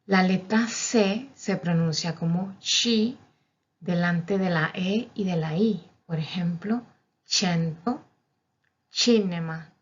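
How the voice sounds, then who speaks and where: Woman teacher, husky low voice, slow and deliberate, dull lo-fi recording. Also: a little mellow. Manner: careful, deliberate, spells out each sound. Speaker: language teacher.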